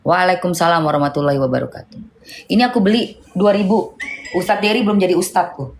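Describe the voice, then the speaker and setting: A middle-aged woman with a lilt, hosting a livestream and reading viewer comments, shifting between heated scolding and soft chat. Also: on the low side, fast talker, slight background noise. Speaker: livestream host.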